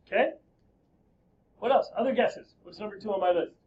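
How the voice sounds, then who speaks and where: High-voiced, joking male history teacher. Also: normal speed, muffled recording, a little hiss or hum. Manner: lively, joking, quizzing students. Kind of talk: classroom lecture. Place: classroom.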